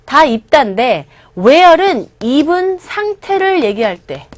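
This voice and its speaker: A woman's voice: sits high, sing-song, takes it slowly, slight background noise. A middle-aged Korean woman giving an online English lecture, explaining film lines and having listeners repeat pronunciation. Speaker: English teacher.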